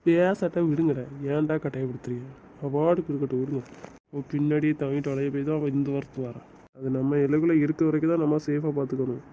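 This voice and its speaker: A man's voice: a little high, fairly even intonation, quick pace. A man acting a bitter, stubborn character in an amateur web drama. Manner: bitter, stubborn, insists he is done with her. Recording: slightly muffled, faint background hiss.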